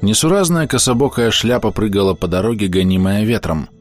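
Low-voiced man narrating a fantasy audiobook. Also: soft background music. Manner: measured, expressive storytelling with slowed dramatic pauses.

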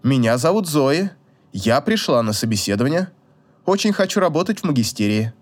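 An eager young heroine, read by a man in an audiobook, speaking with breathless excitement. The voice stays close to the reader's own, with a lively, swinging melody. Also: mid-range voice, normal speed, close to an everyday voice. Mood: firm. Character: young woman heroine, eager and wide-eyed.

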